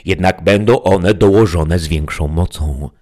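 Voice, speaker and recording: A man voicing an ancient male wizard spirit in skeleton form, declaiming slowly and ornately. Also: low-pitched, dark tone. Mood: solemn declaiming.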